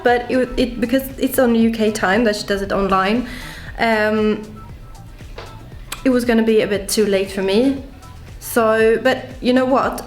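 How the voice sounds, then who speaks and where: A young woman talking casually in her home kitchen, chatty and full of "like", as a vlogger. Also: fairly high pitch. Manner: chatty, peppered with "like".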